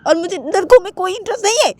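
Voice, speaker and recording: A woman's voice: extremely high pitch, rapid-fire, no echo, pitched above the performer's own voice. A woman voicing a college-age daughter who pleads with her father, repeating "papa" over and over in an amateur spoken story. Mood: defiant. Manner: repetitive, pleading with many "papa"s.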